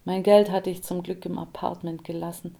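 A woman narrating an audiobook in a calm, measured way. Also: fairly low pitch, creaky.

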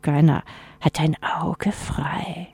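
Icy hungry creature done by a woman, slow breathy whisper, dry close sound. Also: low voice, fairly even intonation, a little mellow, dry recording, faint music behind, full character voice. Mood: gloating whisper. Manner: whispered, gloating, cold.

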